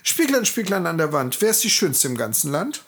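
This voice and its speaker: A storyteller voicing a vain wicked queen with a raised, shrill, hissing manner. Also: big pitch swings, brisk. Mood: commanding.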